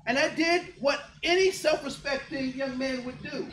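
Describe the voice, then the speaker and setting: A man's voice: very high-pitched, moderate pace, a bit bright. A man in his fifties from Ohio, giving an interactive, joking workshop talk to a live audience and often checking in with them. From Ohio, United States. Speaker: diversity trainer. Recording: echoey room, faint background hum.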